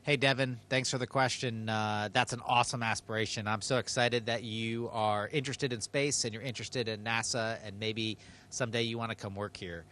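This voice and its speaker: A man, an astronaut, answering a student in an informal, encouraging way. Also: lowish voice. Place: space station module. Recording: faint steady background hum.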